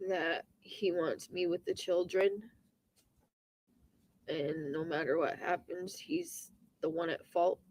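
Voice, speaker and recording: A woman on the witness stand under courtroom examination, giving brief, plain, halting answers to questions. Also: fairly low pitch, expressive, a little mellow, poor audio. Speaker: witness testifying.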